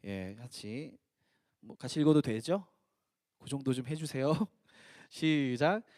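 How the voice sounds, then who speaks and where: A male pastor preaching at a youth prayer meeting, telling the story in an animated way and acting out the scripture. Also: medium pitch, slow, no echo, studio quality.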